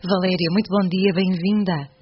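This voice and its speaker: A woman hosting a morning radio show, briskly announcing and introducing guests. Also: lowish voice, fairly even intonation, slightly rough. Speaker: radio host. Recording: lo-fi radio broadcast with music bed.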